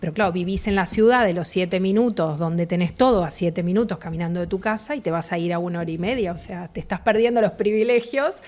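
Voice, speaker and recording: An Argentine woman with an Argentine accent, working as a relocation agent, gives a fluent, explanatory radio interview with animated asides. Her voice is on the low side, and she talks fast with few pauses.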